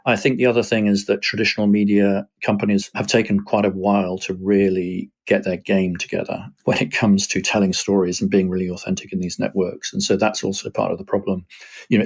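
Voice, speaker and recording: A man speaking as a media researcher guest, explaining trends in a measured, analytical way with frequent asides. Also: lowish voice, husky. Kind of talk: explanatory interview answers.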